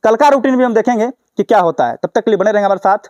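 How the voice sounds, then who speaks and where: A man reporting on the spot from a village school, pressing a teacher with pointed questions. His voice sits high and the words pour out fast. The sound is dry and close. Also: a little mellow, dry recording. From Bihar. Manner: confronting and lecturing. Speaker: reporter and host. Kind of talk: on-the-spot news interview.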